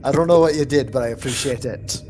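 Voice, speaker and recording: A man's voice: medium pitch, fast, a little mellow, faint music behind. A man playing in a tabletop game, chatting casually in character with jokes and swearing. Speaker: tabletop player.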